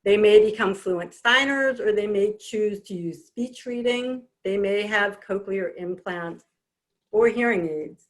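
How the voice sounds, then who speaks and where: A woman's voice: mid-range voice, unhurried, low-quality recording. Female presenter, mid-range voice, explaining definitions as part of a talk.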